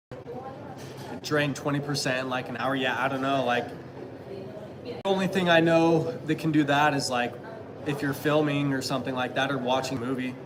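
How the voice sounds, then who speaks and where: A man's voice: fairly high pitch, low-quality recording. A man in his thirties chatting casually on a live stream, answering viewers with rambling, hesitant talk full of fillers and restarts. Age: 30s.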